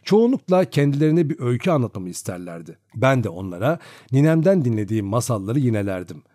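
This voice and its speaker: A man's voice: medium pitch, fast, no room sound, studio quality. A man narrating a classic novel as an audiobook, reading expressively. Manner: expressive storytelling.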